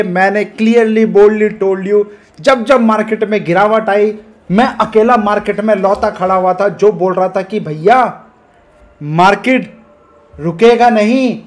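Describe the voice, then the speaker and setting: A man hosting an energetic trading video, talking up his market calls, mixing in English phrases and urging viewers to like and share. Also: high voice, a little slow. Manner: hyped, emphatic, mixes English phrases, coaxes viewers. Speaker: stock market trading educator. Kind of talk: energetic market commentary to camera.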